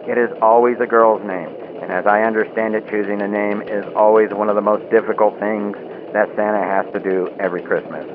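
A man playing an earnest Christmas elf field reporter, giving a measured live report through a radio link. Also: on the low side, fairly even intonation. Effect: radio link filter. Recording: tinny phone-like radio link, very noisy.

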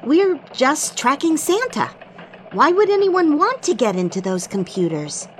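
An earnest Christmas elf news anchor acted by a woman with a fairly high, very animated voice. She delivers scripted radio bulletins in a newsreader's manner, over faint background noise. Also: measured pace. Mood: puzzled. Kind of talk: scripted mock radio newscast.

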